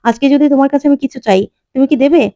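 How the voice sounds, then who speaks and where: A woman voicing an older patriarch father who speaks slowly and deliberately. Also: sits high, warm tone, dry recording, highs cut off, close to an everyday voice. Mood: decisive. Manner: slow, deliberate.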